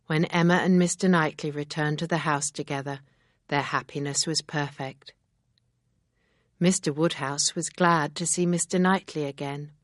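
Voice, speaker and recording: A woman narrating a story in a slow, clear, measured reading style. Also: sits low, no room sound, studio quality.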